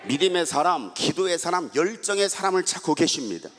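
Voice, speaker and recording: A man's voice: fairly high pitch, expressive, a little fast, fairly bright tone, slight background noise. A male pastor giving a dramatic revival sermon who calls out to the congregation and acts out a blind man's cries. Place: large church hall. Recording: long church hall reverb.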